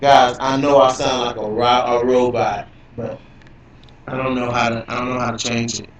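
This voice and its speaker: A man's voice: mid-range voice, little pitch movement, moderate pace, slight background noise. A man talking casually on a live stream, his voice coming through with a clangy robotic glitch from his computer, loose and profane and repeating himself a lot. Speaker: livestream host. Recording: robotic, echoey, distant computer mic.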